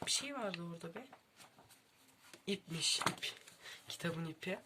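A woman's voice: on the low side, expressive, a little slow. A young woman unboxing books in a vlog, gushing and exclaiming over every detail. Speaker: book vlogger. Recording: clear background noise.

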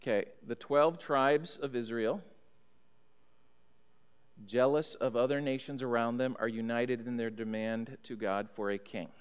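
Speaking from a pulpit in a church sanctuary, this middle-aged American pastor leads a Bible study, reads scripture aloud and teacherly checks in with his congregation. His mid-range voice is clean and steady, moving a little slowly. The sound comes through a pulpit stand mic and a far camera, with a long reverb from the church hall.

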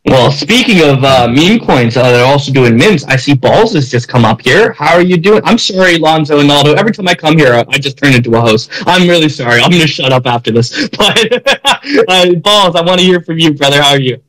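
A man's voice: on the high side, lively intonation, brisk, hardly any pauses, a bit bright, rough recording. A man, a crypto project founder, talking in a friendly, self-deprecating way in a casual online audio chat.

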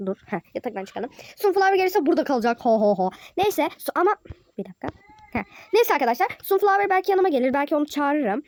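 A woman with a high, bright-pitched voice narrates a role-play game vlog. She chats straight to her viewers and lets out dramatic sighs of exasperation. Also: animated, fast, no room sound.

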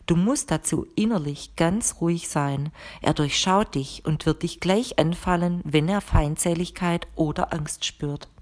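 A composed, mysterious woman with a low voice, read by a woman narrator, who talks to her guest in a calm, matter-of-fact and firm way. The tone stays measured and sure throughout, as in an audiobook scene. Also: lightly acted. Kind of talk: audiobook character reading.

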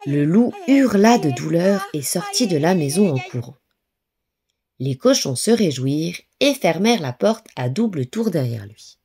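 A woman narrating a children's story in a lively, expressive reading voice. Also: fairly low pitch, measured pace.

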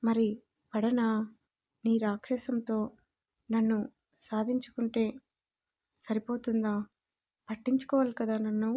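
A woman's voice: fairly high pitch, flat delivery, measured pace, long pauses, dark tone, lo-fi sound. Woman voicing a timid tearful young wife. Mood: pleading. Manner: pleading, earnest.

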